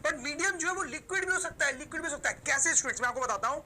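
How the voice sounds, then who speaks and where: High, sharp-voiced woman teaching a lecture. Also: lively intonation, slight background noise, rough recording. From Pakistan. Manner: explains slowly, poses questions and answers them herself; addresses the listeners as "students" almost every sentence. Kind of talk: recorded video lecture.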